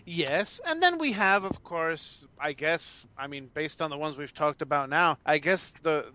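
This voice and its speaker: A woman's voice: deep voice, lively intonation, measured pace, pushed and bright. A woman co-hosting a podcast, reacting in a hesitant, stumbling way with laughs. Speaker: podcast co-host. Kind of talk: casual chat.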